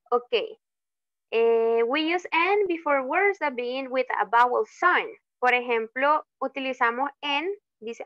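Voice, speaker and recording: Over a video call, a woman tutor teaches English grammar in an online class. Her voice is a little high with some vocal fry, and the dull audio has no echo. She speaks slowly, stretching out example words and often checking in with "¿ok?".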